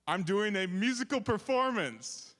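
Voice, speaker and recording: A man's voice: sits high, very animated, unhurried, a bit bright, big-room sound. A man performing a stand-up comedy set with playful showman patter. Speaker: comedian and impressionist.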